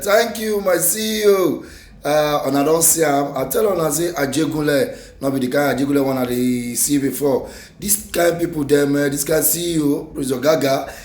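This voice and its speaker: A Nigerian man hosts in Pidgin with a fairly high voice. He is effusive and generous with blessings as he addresses viewers and guest. The room echoes clearly around him. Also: a little mellow. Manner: effusive, repeatedly giving blessings. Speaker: interviewer, TV host.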